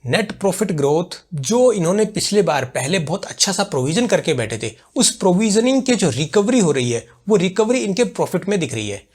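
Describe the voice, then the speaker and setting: Higher-voiced man explaining stock markets. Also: big pitch swings, a little fast, few pauses, darkish tone, breathy edge. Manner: explanatory, uses everyday analogies; conversational, thinks aloud with fillers. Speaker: market analyst host. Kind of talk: weekly stock market analysis talk.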